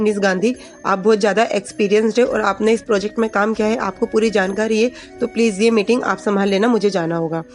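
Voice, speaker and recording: A woman's voice: mid-range voice, darkish tone. A woman retelling the plot of a TV serial episode in a plain, casual narrating voice, reading the characters' quoted lines without acting them out. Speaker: storyteller recapping a TV serial. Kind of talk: casual spoken recap narration.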